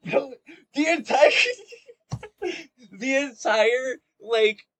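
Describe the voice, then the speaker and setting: Very high-pitched and extremely slow, this man's voice comes with no room sound. He's a podcast co-host in a casual, argumentative games discussion, cursing often and stressing his points.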